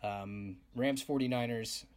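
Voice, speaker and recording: Hoarse, brash male podcast host. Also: medium pitch, slow. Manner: brash, joking trash talk. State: raspy, hoarse voice. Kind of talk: casual sports podcast chat.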